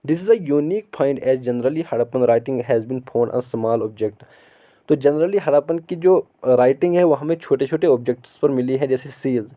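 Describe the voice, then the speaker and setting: A male teacher explains a textbook chapter, reading each English line slowly before going over it again in his own words. His voice sits at a middle pitch for a man. The sound is narrow and tinny, like a phone line. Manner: reads English sentences slowly, explains at length with repetition.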